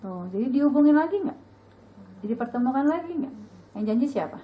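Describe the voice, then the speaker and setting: A middle-aged woman giving a casual religious talk to a women's study group, lively and chatty, acting out bits of dialogue. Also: a little fast, muffled recording, a little hiss or hum. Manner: lively, chatty, acts out dialogue with sudden high pitch.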